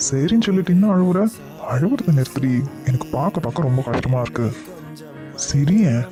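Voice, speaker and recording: A man voicing a caring, patient young husband in a cartoon, speaking in a gentle, coaxing way. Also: on the high side, lively intonation, brisk, over music, lightly acted.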